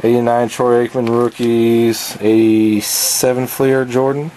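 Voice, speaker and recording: In a cluttered basement, a twenty-something man rattles off items from his collection with plenty of fillers, a laid-back show-and-tell caught on a handheld camera. His mid-range voice is level, mellow, and a little slow. The recording is rough, with a bit of hiss or hum.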